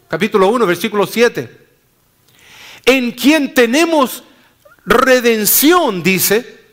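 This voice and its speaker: A man pastor preaching a sermon in slow, deliberate phrases, dropping low and soft at the ends.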